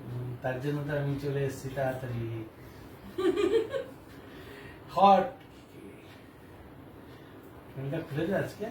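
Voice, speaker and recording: A man plays a husband in an acted domestic skit, teasing playfully at a fast clip in a medium-pitched voice. The recording is noisy and was captured from a distance in an echoey room.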